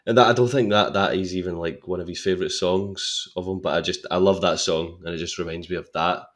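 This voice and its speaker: A young man talks about a favourite film as a podcast guest, his voice sitting low. He is eager and chatty, stumbling over repeated words as he gathers his thoughts. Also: steady tone, fast talker. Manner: enthusiastic, repeats words while thinking. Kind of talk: casual film chat.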